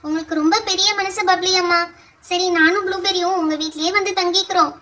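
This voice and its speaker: A woman's voice: extremely high pitch, steady tone, a little fast, bright, forceful tone. A woman voicing a grieving village mother who has lost her home, lamenting and pleading in a doll pretend-play show. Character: grieving village mother, homeless after rain.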